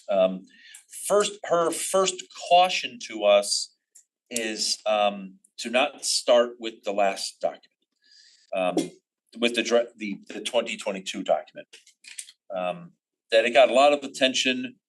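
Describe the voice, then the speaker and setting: A man chairing a town commission meeting, reading public comments with many pauses and filler words. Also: lowish voice, poor audio. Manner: halting, many ums and restarts.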